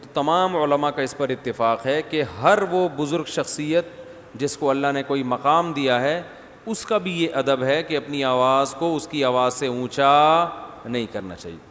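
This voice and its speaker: A man's voice: mid-range voice, a bit bright. Man preaching in a reverberant hall. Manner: informal asides and rhetorical questions to the audience; humorous wordplay. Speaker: religious scholar giving a lecture. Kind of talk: conversational religious lecture. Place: mosque gathering after night prayers. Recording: long hall reverb, faint background noise.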